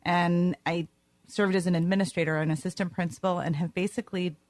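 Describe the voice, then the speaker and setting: Woman, 40s, radio guest, matter-of-fact, lowish voice, dry studio. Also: steady tone, a little fast, a little mellow, no echo. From Greece, New York. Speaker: school superintendent, guest. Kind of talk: radio interview answers.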